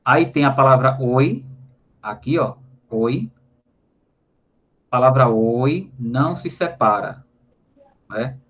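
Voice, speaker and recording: A Brazilian grammar teacher speaks slowly and animatedly with long pauses, his voice medium-pitched and his accent Brazilian Portuguese. In this recorded online lesson he keeps adding tag questions and spelling out syllables, all captured in slightly dull, lo-fi sound.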